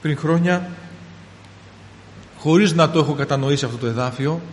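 A man in his thirties preaching a personal testimony, calling his listeners brothers and rising into fervent, shouted prayer. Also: a little high, a little hiss or hum. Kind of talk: sermon testimony. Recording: long hall reverb, faint ambience.

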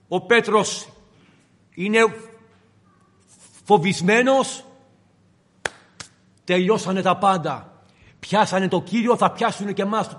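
Man, preacher, high voice, dramatic storytelling sermon, long echoing hall. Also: fairly bright tone. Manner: dramatic storytelling, addressing the congregation directly.

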